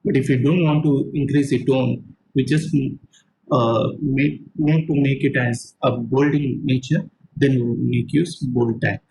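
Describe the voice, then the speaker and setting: A man's voice: mid-range voice, fairly even intonation, measured pace, creaky, a little mellow, slight background noise, poor audio. A man teaching an online class, explaining points step by step and repeating them, with frequent fillers. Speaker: lecturer.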